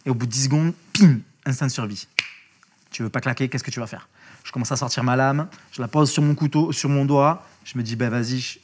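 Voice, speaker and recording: A man speaking as an interview guest, telling a story in a casual, lively way, with slang, swearing and many restarts. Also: medium pitch, fairly quick, a little hiss or hum.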